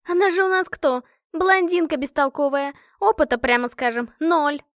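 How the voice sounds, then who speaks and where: A woman voicing a brash, hot-tempered young woman who talks loudly and indignantly with rough slang. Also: sits high, normal speed, dry recording, studio quality, voice pushed up.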